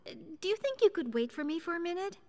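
[name], earnest young reporter. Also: female voice, very high voice, big pitch swings, fast.

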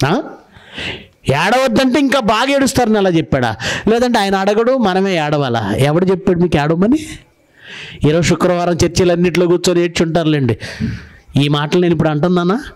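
A man's voice: a little high, brisk, darkish tone. A man preaching a sermon, telling stories and asking his listeners rhetorical questions. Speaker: pastor.

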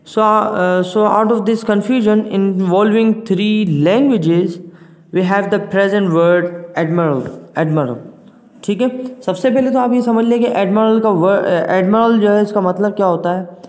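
A male teacher with a Pakistani accent reads an English text aloud slowly, then explains it at length in a classroom lecture, checking in with his students again and again. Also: high-pitched, a little mellow. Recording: echoey room with long reverb.

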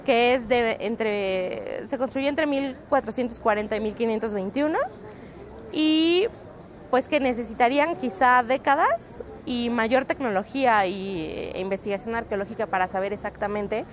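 A woman in her thirties with a Mexican Spanish accent, working as a reporter, explains things at length in a street interview. Her voice is a little high and her pace moderate; she's fluent but says "eh" often. She's outdoors on a busy city street with faint street ambience behind her.

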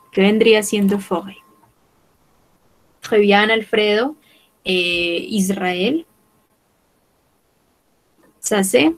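Very slow woman teaching French vocabulary. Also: on the high side. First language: Spanish. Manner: very slow, repeats each word deliberately. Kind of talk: online language lesson.

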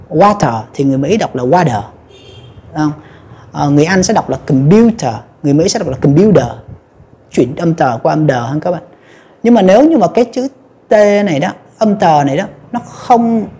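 A woman's voice: lowish voice, warm tone, slightly rough. A woman teaching an English lesson in a chatty, casual way with a Vietnamese accent, talking straight to her viewers. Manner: chatty, many fillers, addresses viewers directly.

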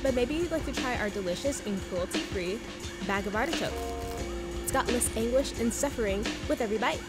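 A woman's voice: fairly high pitch, expressive, fairly quick, over loud music, close to an everyday voice. A woman playing a preachy, smug young vegan activist in a comedic short film. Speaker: vegan protester. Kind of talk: comedic student film acting.

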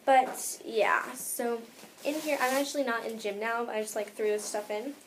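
The audio is poor, with some hiss or hum, as an American teenager speaks at a moderate pace in a slightly high voice. In her bedroom, she shows her bag's contents to the camera, rambling casually and saying "like" often.

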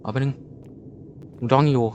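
A man's voice: moderate pace, a little hiss or hum. A young man playing a co-op horror game with a friend, yelping, swearing casually and calling out directions. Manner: excitable, yelps and swears, directs his friend. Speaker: gamer.

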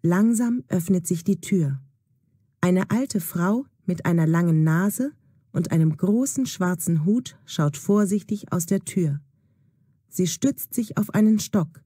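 A woman narrating a storybook for language learners, unhurried and deliberate. Her voice is mellow and slightly husky, recorded close in a dry, dead space. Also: lowish voice, dry recording. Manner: slow, clear and deliberate. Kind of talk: scripted narration for German learners.

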